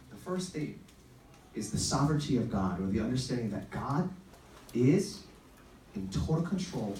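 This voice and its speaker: This pastor's voice is medium-pitched and a little mellow. His youth sermon is informal, upbeat and conversational, full of stories and acted-out quotes, and the distant pickup in an echoey room carries faint noise.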